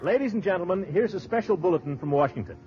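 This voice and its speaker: A male radio announcer giving a formal wartime news bulletin, heard through an old 1940s broadcast recording, with an emphatic, crisp delivery. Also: high voice, expressive, quick pace, faint music behind. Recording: dull lo-fi vintage broadcast.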